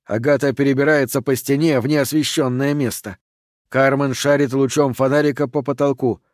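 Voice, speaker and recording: A man narrating a horror audiobook in an even, steady reading voice. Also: mid-range voice, moderate pace, no echo, studio quality.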